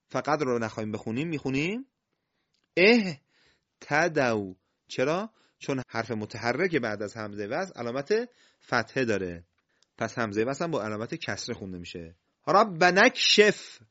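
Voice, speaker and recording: Guy teaching quran reading, voice goes up and down a lot, slow stretched example words, kinda dull dry lo-fi sound. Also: mid-range voice, fairly bright tone, no echo. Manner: explains step by step, quizzes the listener with questions, praises with "well done"; drawn-out, stressed recital of example words. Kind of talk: spoken lesson.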